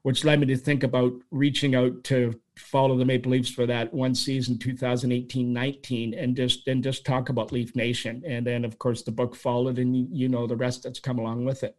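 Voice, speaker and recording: A man's voice: medium pitch, a little fast, hardly any pauses. A man in his sixties from Toronto, Canada, telling long stories as an interview guest, rambling and restarting as he goes. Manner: rambling, animated storyteller with frequent restarts. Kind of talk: storytelling interview answers.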